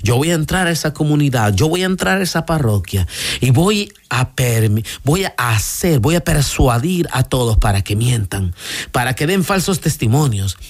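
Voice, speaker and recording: A man's voice: mid-range voice, expressive, normal speed, no echo. A man playing an eager, boastful lying demon. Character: boastful male demon of lies.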